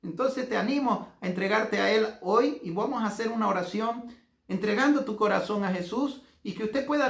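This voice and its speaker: A man with a Bolivian accent preaching as a pastor, fervent and slowing into drawn-out emphatic phrases as he leads a prayer. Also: sits high. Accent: Bolivian Spanish. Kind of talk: sermon with guided prayer. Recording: echoey room with faint music.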